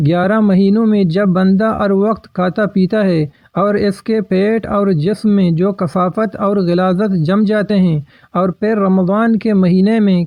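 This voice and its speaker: Male religious teacher, high-pitched, dry recording, measured and explanatory delivery. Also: creaky, darkish tone, dry recording.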